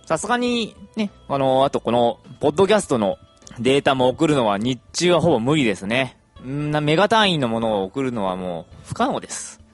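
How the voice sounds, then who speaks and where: Young male podcaster, casual and talkative, very animated pitch, soft music in the background. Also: brisk. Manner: chatty, lively intonation, many fillers.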